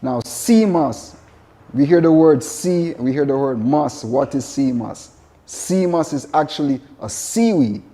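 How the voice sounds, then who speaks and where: A man's voice: a little high, expressive, unhurried, warm tone. A man from Jamaica with a Jamaican accent, a vegan chef giving a casual spoken presentation, earnest and repeating his points. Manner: earnest, repetitive phrasing with spiritual asides.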